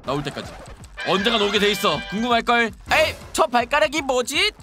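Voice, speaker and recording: A young man in his twenties streaming a game, excitable and yelling at it as he plays. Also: extremely high pitch, brisk. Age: 20s. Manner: excitable, yells and shouts at the game. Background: game music.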